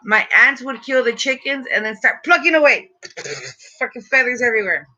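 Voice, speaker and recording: A woman's voice: on the high side, a little fast, bright, forceful tone. A young adult woman chatting casually in a slangy, profane stoner manner. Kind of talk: casual chat. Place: small dim bedroom indoors. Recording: dull lo-fi room recording.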